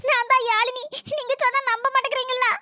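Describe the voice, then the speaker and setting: A nervous cartoon girl, home alone, speaking in a Kanyakumari Tamil accent. The voice is very high and bright, and she pleads quickly. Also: level tone, dry recording, studio quality. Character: frightened young girl home alone, earnest.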